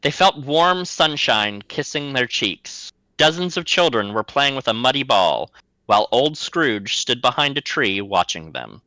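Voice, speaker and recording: A man running a tabletop game, narrating scenes and walking players through rules with clear explanations. His voice is bright and forward. The sound is close and dry. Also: mid-range voice, sing-song, unhurried, no room sound, poor audio. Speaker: game master.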